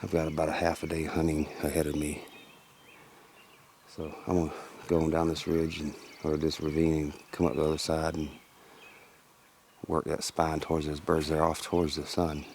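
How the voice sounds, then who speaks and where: A man's voice: monotone, moderate pace, darkish tone. A man filming his own hunt outdoors, talking plainly and casually to the camera, a little out of breath. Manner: plainspoken, low-key field talk, at times whispering. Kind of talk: casual outdoor vlog narration. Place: outdoors in hilly prairie woods. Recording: outdoor field recording with background noise.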